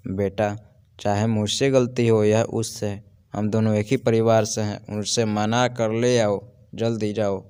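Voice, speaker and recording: A man's voice: lowish voice, flat delivery, measured pace, a little mellow, smooth, close to an everyday voice. A man reading the part of an elderly mother-in-law in a spoken moral story, in a motherly, pleading way. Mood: urging. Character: elderly mother-in-law, fretful but forgiving.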